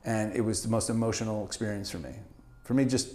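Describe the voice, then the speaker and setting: A middle-aged Canadian man, guesting on a casual interview, talks fast in a fairly low voice. He's animated, stumbling into plenty of restarts and laughing easily.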